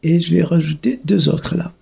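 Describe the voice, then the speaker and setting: A music teacher who hosts his own channel gives a casual, hands-on tutorial demonstration, thinking aloud hesitantly as he works. His voice is fairly high, gravelly and warm, at a normal speed.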